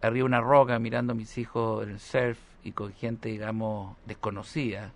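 A man's voice: on the low side, level tone, moderate pace. Joking Chilean man riffing. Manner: joking, laughs often, riffs on scenes. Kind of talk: comic banter.

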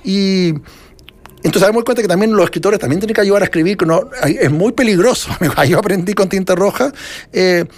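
High-voiced rambling Chilean man. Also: brisk. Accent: Chilean Spanish. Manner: rambling, many restarts and fillers, reflective. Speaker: author being interviewed. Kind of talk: casual interview conversation.

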